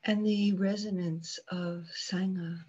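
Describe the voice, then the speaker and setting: A woman meditation teacher leads a guided meditation in a low, husky voice, speaking calmly and unhurriedly. She leaves long pauses between short phrases, and the sound is lo-fi.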